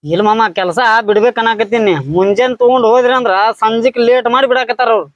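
A man's voice: very high-pitched, steady tone, fast, no room sound, dull audio. A man doing a whiny young farmhand. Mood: complaining. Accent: North Karnataka Kannada. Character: young male farmhand, fed-up, complaining.

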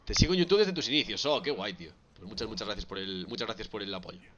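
A man with a Galician Spanish accent commentating his own gameplay on a live stream, excitable and prone to shouting and repeating words. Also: on the low side, quick pace, dull audio, a little hiss or hum. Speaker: gaming streamer.

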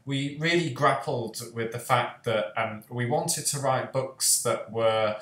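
A young adult man, an author hosting an online panel discussion, speaks earnestly over a video call headset with lots of fillers. His voice is medium-pitched and fairly bright, he talks slowly, and the recording has a roomy echo.

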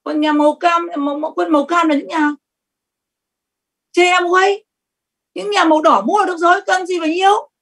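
A middle-aged woman giving a sales training talk, lively and emphatic, often asking the audience questions. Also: very high-pitched, moderate pace, long pauses.

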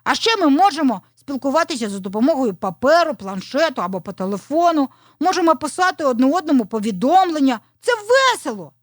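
A woman voicing a small, proud boy rooster who shouts his answers loudly in a storybook tale. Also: sits high, big pitch swings, fairly quick, few pauses, no echo, studio quality, voice pushed up. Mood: explaining. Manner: loud exclaiming.

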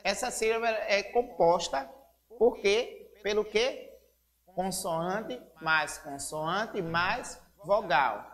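A woman teacher with a Brazilian accent giving a slow, deliberate literacy lesson, spelling out syllables. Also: medium pitch, big-room sound. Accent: Brazilian Portuguese.

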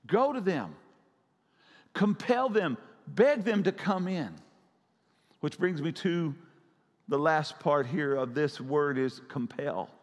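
Man, pastor, sermon, high voice, urgent repetitive preaching, long church reverb. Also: lively intonation, takes it slowly, long pauses. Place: church sanctuary.

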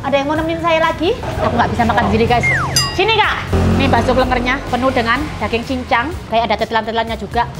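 A woman's voice: on the high side, fast. A woman hosting a food vlog, chatting playfully and with exclamations while eating soup. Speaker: food vlogger host. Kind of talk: mukbang vlog chat to viewers. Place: small eatery, indoors. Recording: loud music under the voice. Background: loud music.

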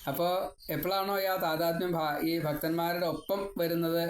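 A man's voice: a little high, steady tone. Man teaching scripture in an echoey room. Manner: chanting Sanskrit verses slowly, then explaining in conversational Malayalam; rambling, personal, wry asides. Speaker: Bhagavatam teacher. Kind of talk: devotional scripture lesson. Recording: echoey room with faint ambience.

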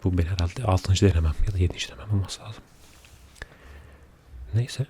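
A man with a very deep, dark and mellow voice talks softly, as if keeping quiet at night. It is an unhurried, confiding ASMR chat that often sinks close to a whisper, with a little noise behind it. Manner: quiet, low murmur at night, often dropping near a whisper. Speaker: ASMR video creator. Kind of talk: soft-spoken ASMR chat. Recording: audible background noise.

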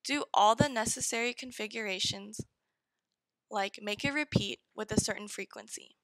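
A woman narrating a step-by-step software tutorial in short, direct instructions. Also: medium pitch, normal speed, no room sound, poor audio. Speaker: software demo presenter.

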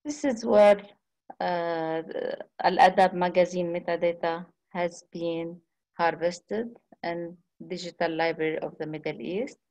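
A woman giving a conference presentation on a video call, speaking haltingly with frequent restarts and pauses. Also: fairly low pitch, fairly even intonation, mellow, low-quality recording.

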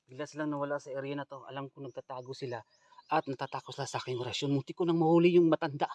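A man hosting a ghost-hunting vlog outdoors near a rural hut, talking straight to his viewers. He swings between hushed narration and sudden shouting, recorded on a handheld camera mic. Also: mid-range voice, steady tone, very fast, no echo. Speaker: ghost hunter vlogger.

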